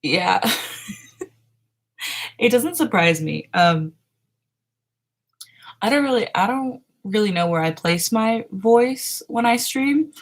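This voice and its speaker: Speaking slowly with long pauses and lively intonation, this mid-range woman in her twenties hosts a casual morning livestream from her small bedroom. She chats with chat readers, laughs often, and trails off with fillers, framed by a webcam at her desk.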